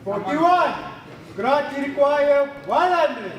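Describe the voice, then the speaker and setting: A man announcing darts scores with drawn-out, sing-song calls. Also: extremely high pitch, expressive, rough recording. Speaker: darts caller. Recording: loud arena crowd. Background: loud crowd.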